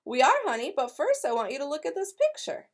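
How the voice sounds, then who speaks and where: Woman reading as a reassuring, higher-pitched storybook grandmother. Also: very animated, fairly quick. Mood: fond. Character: Grace's Nana, warm encouraging grandmother from Trinidad.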